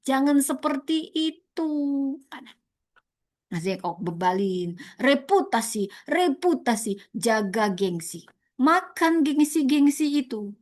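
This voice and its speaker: Woman preacher, sermon, fairly high voice, animated, repeats words for emphasis. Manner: animated, leaps to high pitch for emphasis and mock quotes; addresses listeners as "saudara", repeats words for stress.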